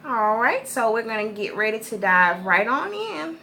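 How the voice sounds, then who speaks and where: Young woman, eating-show host, bright and slightly high voice, chatty and friendly. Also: big pitch swings, moderate pace, vocal fry, a little hiss or hum. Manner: friendly, chatty, with fillers while describing food. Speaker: mukbang vlogger host. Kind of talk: casual eating-show chat.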